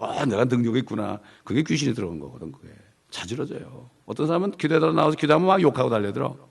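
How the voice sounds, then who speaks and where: A man's voice: medium pitch, creaky, husky. A middle-aged man preaching a sermon as pastor, emphatic and repeating key phrases in English.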